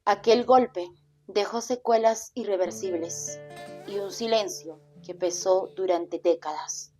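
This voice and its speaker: A woman reads documentary narration in a steady, measured, solemn way. Her pitch sits in the middle of the range. Soft music plays quietly under her voice. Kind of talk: scripted narration.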